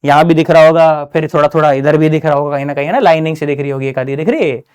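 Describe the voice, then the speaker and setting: A man teaching physics in a relaxed, slangy online lesson from a small closed studio, who keeps checking in with his students. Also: on the high side, very fast, clean tone. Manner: chatty, slangy, keeps asking "है ना?". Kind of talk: casual online exam-prep lesson.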